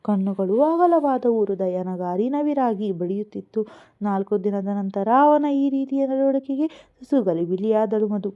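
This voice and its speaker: A woman's voice: medium pitch, measured pace. Woman narrating a serial novel, tinny audio. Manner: earnest, expressive storytelling. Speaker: storyteller. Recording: tinny phone-like sound.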